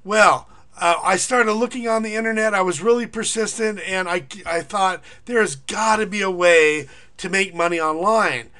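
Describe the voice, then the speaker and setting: A middle-aged man, a schoolteacher, pitching an online income system in a casual, rambling way with many fillers, reading off payment amounts in a quick list. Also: pushed and bright. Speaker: online income marketer and teacher. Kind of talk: casual screen-recorded pitch.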